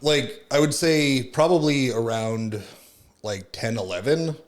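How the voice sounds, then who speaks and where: Speaking a little slowly in a mid-range voice, a Finnish-born Southern Californian man in his thirties shares his story on a podcast. The chat is casual and reflective, rambling and packed with "like" and "right?".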